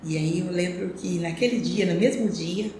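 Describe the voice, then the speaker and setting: A woman's voice: lowish voice, normal speed, dark tone. A woman, a podcast interview guest telling her life story in an earnest, reflective, rambling way. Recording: echoey room with faint ambient noise.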